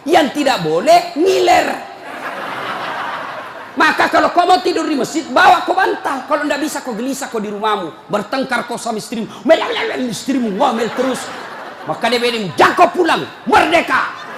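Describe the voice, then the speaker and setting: High-voiced preacher shouting in an echoey hall. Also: male voice, expressive, moderate pace. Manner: teasing, scolding, often breaking into shouts. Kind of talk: humorous sermon to a congregation. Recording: echoey hall, faint crowd and noise.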